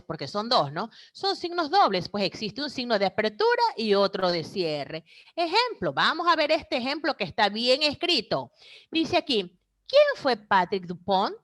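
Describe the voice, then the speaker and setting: Teacher, woman, high lively voice, patient step-by-step explainer, video call. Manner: explains step by step, asks rhetorical checks like "¿sí?". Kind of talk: online class over video call.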